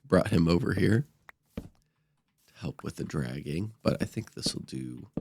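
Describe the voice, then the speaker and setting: Man, low gravelly voice, stuffed-up nose, congested with a cold, animated intonation, casual gaming host commentary. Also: unhurried, slight background noise. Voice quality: stuffy nasal sound.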